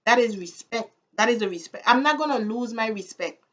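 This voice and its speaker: A woman's voice: a little high, animated, fairly quick, lo-fi sound. A woman from the Virgin Islands with a Caribbean accent, talking casually and with strong opinions in an emphatic way, repeating phrases for stress. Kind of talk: casual opinionated personal talk to camera.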